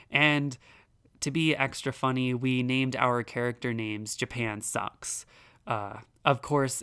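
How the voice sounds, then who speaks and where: A man's voice: mid-range voice, a bit bright. Rambling man essayist. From United States. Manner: rambling, with many fillers and restarts. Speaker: video essayist. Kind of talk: casual narrated video essay.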